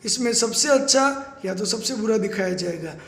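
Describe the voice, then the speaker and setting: Man, grammar teacher, very high-pitched, reverberant room, step-by-step explanation. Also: animated, a bit bright. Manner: explains step by step, spells words letter by letter; mixes slow English definitions into quick explanations. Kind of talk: classroom-style grammar lesson.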